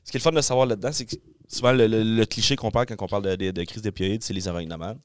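A man's voice: lowish voice, fairly even intonation, racing, clean tone, no echo, clean studio sound. A man with a Quebec French accent hosting a casual podcast, informal and joking as he asks his guests questions.

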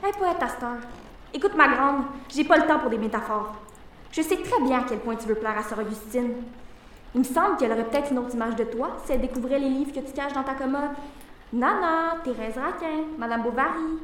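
A woman's voice: sits high, a little fast, fairly bright tone, slight background noise. A woman playing a taunting boarding-school bully. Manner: taunting, threatening, mocking. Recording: very echoey, distant mic.

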